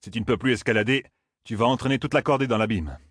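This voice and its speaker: A man's voice: mid-range voice, fast talker, fairly bright tone, slightly rough, no echo, clean studio sound, voice pushed up. A man doing a curt, stern warrior. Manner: curt, scornful.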